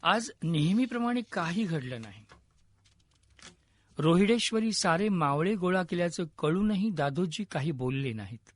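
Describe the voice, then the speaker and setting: A man's voice: high voice, lively intonation, measured pace, no room sound. A man voicing a young king who speaks earnestly and with feeling.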